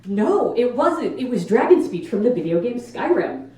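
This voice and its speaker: A woman's voice: on the high side, sing-song, normal speed, heavy background noise. A young adult woman performing a stand-up comedy set in a casual, conversational, emphatic way to an audience. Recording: echoey live room, distant microphone. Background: audience laughter.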